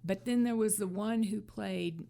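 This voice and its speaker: A woman co-hosts a podcast, chatting casually and thinking aloud about old television in nostalgic TV commentary. Her medium-pitched voice is gravelly and mellow, and she speaks a little slowly.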